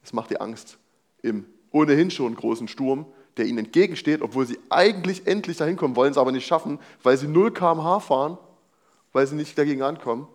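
A man's voice: on the high side, fast talker. A young man preaching a sermon, reading a Bible passage and explaining it in a casual, conversational way with rhetorical questions.

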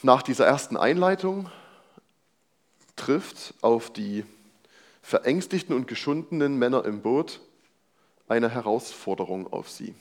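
A man's voice: medium pitch, lively intonation, measured pace, long pauses. A young man preaching a sermon, reading a Bible passage and explaining it in a casual, conversational way with rhetorical questions.

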